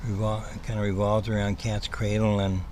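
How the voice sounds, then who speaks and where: A man giving a casual livestream update as a host, rambling and halting, with a slight whistling lisp from missing front teeth. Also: on the low side, monotone, a little mellow. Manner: rambling, hesitant, halting with repeated words. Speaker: host, cat rescue operator. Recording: clearly noisy ambient background.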